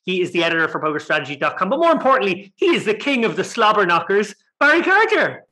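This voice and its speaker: A man's voice: sits high, big pitch swings, fast, bright, forceful tone. A man hosting a podcast with a jokey, upbeat manner, recorded with echoey sound in a large empty tiled room. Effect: echoey sound from a big tiled room. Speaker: podcast host. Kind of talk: casual podcast chat.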